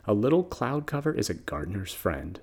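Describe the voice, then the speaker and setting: A man's voice: on the low side, sing-song, a little fast, darkish tone, slightly rough. A middle-aged man who owns a garden center, reading a reflective personal essay in a storytelling manner. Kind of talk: scripted personal essay narration.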